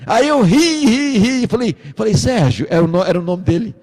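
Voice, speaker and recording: A man with a Brazilian accent preaching a sermon as pastor, a lively storyteller who acts out the voices in his stories. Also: sits high, moderate pace, big-room sound. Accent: Brazilian Portuguese. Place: church.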